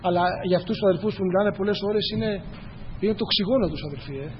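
A man's voice: sits high, a little hiss or hum. A man preaching a church sermon, earnest and repetitive, speaking straight to his congregation. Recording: echoey hall, dull lo-fi sound.

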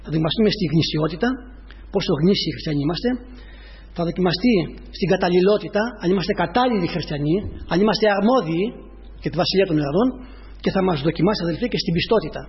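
A man preaching a sermon, repeating his points and rising to emphatic peaks as he addresses the congregation as brothers. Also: high voice. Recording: dull lo-fi recording with long reverb.

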